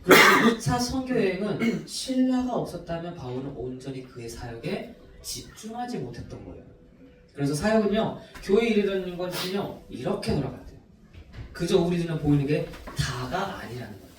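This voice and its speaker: A man's voice: high-pitched, a little fast. A young man, a youth pastor, preaching a sermon to teenagers and quizzing them with questions as he goes. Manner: animated, quizzes listeners with questions. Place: church worship room. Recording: echoey room, voice from far off.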